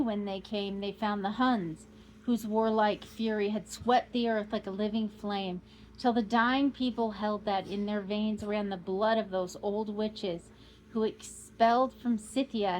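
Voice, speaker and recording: A woman reading aloud as a proud, boastful old male count, declaiming grandly and rising to loud outbursts. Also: medium pitch, lightly acted, poor audio.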